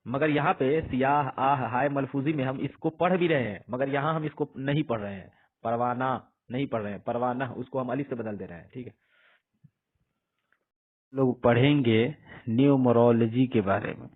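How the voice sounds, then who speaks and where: A man teaching an Urdu grammar lesson. He asks a question, answers it himself, and says each example word slowly and more than once. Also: mid-range voice. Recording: husky voice on tinny phone-like audio.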